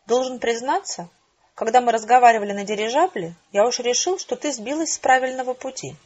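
A blustering, pompous male colonel who barks and booms with bossy cheer, as a woman reading a storybook puts him on. The voice is husky and sits a little high, and the lo-fi recording sounds dull and muffled. Every line comes out loud and sure of itself. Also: a little fast. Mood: hearty.

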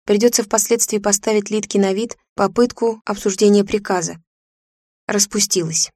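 A woman narrating an audiobook in a measured, lively reading. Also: medium pitch, no echo, studio quality. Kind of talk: scripted narration.

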